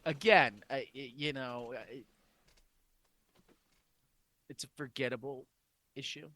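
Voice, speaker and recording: A man in casual chat as a podcast co-host, his voice sitting at an ordinary middle pitch. He rambles along, circling back with restarts and fillers as he works out his opinions. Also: slow pace, bright, forceful tone.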